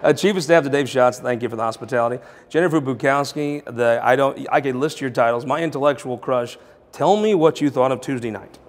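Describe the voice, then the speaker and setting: A man hosting a political talk show, interviewing a guest and then leading a panel in quick, joking conversation. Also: mid-range voice, big-room sound.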